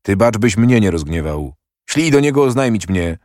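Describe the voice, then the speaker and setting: A man's voice: fairly low pitch, big pitch swings, normal speed, darkish tone, dry recording, studio quality. A man reading the part of a proud, impatient young prince who speaks curtly and mockingly. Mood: brusque. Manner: curt, brusque and mocking.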